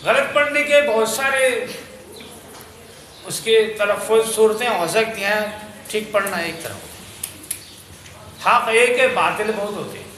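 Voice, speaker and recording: A man's voice: sits high, pauses often, a bit bright. Male recitation teacher, patient methodical explanation, chanted examples, echoey room, faint background noise. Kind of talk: recitation class instruction. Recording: roomy class recording.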